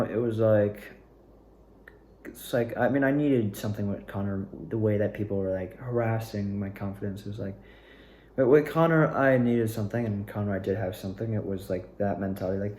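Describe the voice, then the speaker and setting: Talking unscripted to his viewers, a young amateur actor and video maker rambles and hesitates, often letting his thoughts trail off. His voice is on the low side and darkish, recorded in an echoey room with slight background noise.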